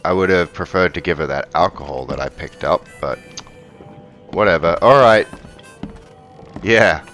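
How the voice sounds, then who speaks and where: A man's voice: low-pitched, measured pace, a bit bright. A man giving casual game commentary as a let's play host, thinking aloud as he goes. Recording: music under the voice.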